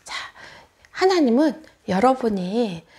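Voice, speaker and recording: A woman children's pastor giving a Sunday school sermon, telling a story and asking the children questions, often dropping into hushed whispers. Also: fairly high pitch, very animated, takes it slowly, breathy edge.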